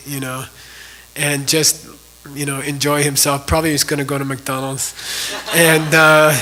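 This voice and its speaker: A man teaching a class tells a story in a loose, easy, conversational manner. His voice sits a bit high and rings bright and forward. He fills gaps with frequent "you know" and "like". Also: rough recording. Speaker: Buddhist teacher.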